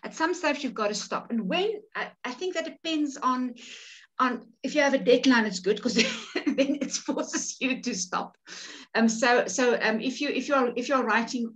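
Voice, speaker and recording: A South African woman whose first language is Afrikaans leads a writing workshop as an author over a video call, picked up by the webcam. Her voice is high-pitched and fairly bright, moving at a moderate pace, and she speaks casually with her South African accent, often restarting and repeating words.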